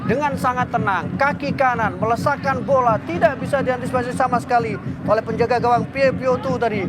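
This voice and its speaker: A man's voice: very high voice, fairly even intonation, a little fast, a loud crowd. A man giving live analysis as a football co-commentator. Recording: very noisy live stadium broadcast.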